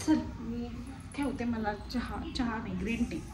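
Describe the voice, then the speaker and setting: A young woman vlogging at home, switching between sing-song baby talk to her toddler and calmer asides to viewers. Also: on the high side, a little slow, roomy sound, noisy background. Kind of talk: casual family vlog, talking to a toddler and the camera.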